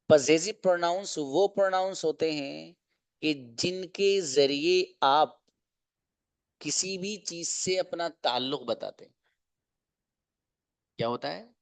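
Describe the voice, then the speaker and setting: A man teaching an online English grammar lesson, explaining slowly, repeating examples and asking rhetorical questions. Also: a little high, smooth, dry recording.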